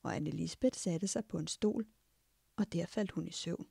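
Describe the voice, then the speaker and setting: A woman narrating a fairy tale in a slow, hushed way, often dropping into unvoiced whispers. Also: lowish voice, creaky, breathy edge, no echo, studio quality. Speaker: audiobook narrator.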